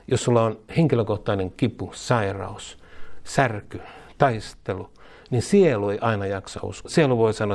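A man preaching a charismatic sermon, moving from conversational asides to loud, repeated declarations and spoken prayer. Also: on the low side.

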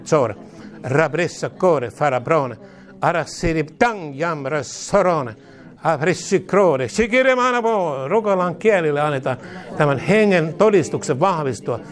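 A male preacher praying aloud and speaking in tongues, chanting repeated syllables and commanding in fervent prayer. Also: fairly high pitch.

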